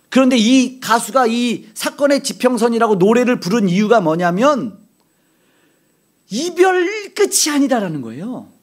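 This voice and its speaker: A Korean man preaches a Sunday sermon in a high, lively voice that swings widely in pitch. He presses his listeners with rhetorical questions and builds his points through repetition, climbing toward near-shouts. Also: breathy edge. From South Korea. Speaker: pastor. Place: church sanctuary.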